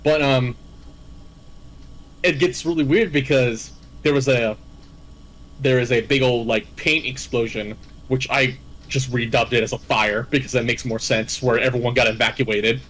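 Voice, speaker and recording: A man telling a game story in easygoing casual chat, his voice sitting at an ordinary male pitch. He rambles, restarts his sentences and laughs along the way as he hosts. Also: fairly even intonation, moderate pace, a bit bright, rough recording. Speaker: host recapping game villains.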